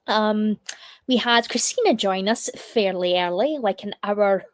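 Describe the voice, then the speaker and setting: A young woman chatting casually on a livestream, rambling with plenty of fillers. Her voice is a touch croaky from a lingering cough, and the close recording sounds dry with no room around it. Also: mid-range voice, measured pace, no room sound. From United Kingdom. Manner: chatty, reads chat comments aloud, many fillers. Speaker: livestream host.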